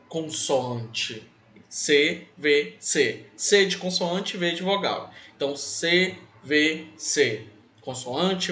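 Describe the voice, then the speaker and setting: Young male teacher, high and sing-song, patient step-by-step explainer, roomy echo. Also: bright, forceful tone. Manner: patient, repeats and spells out rules step by step. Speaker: English teacher. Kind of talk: online class lesson for children.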